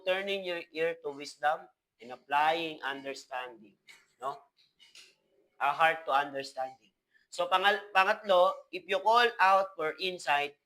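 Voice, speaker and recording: A man's voice: on the high side, sharp tone, rough recording. A young Filipino man with a Filipino accent, giving a devotional teaching and slipping between Tagalog and English with polite asides. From Philippines. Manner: mixes Tagalog and English, frequent "po" and "no?". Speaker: preacher.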